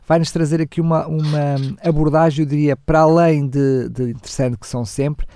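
Halting European Portuguese host, mellow. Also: male voice, a little high, fairly even intonation, no room sound, clean studio sound. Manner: halting, searching for words. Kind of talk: introducing a talk topic.

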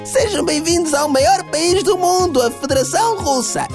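Super high squeaky kids radio mascot, sing-song welcome, european portuguese, bouncy, music behind. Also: normal speed. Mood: cheerful, welcoming. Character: Kiko, excitable cartoon mascot travel guide for small children. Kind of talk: children's radio travel segment.

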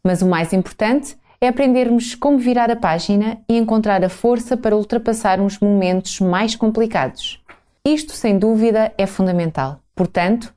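A woman's voice: medium pitch, mellow. A woman with a European Portuguese accent hosting a radio programme, interviewing and presenting in a prepared style. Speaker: radio host.

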